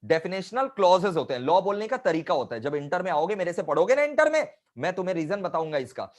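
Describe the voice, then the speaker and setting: A man's voice: high-pitched, big pitch swings, quick pace. A man teaching a live online revision class, emphatic, repeating key points and adding scolding asides to his students.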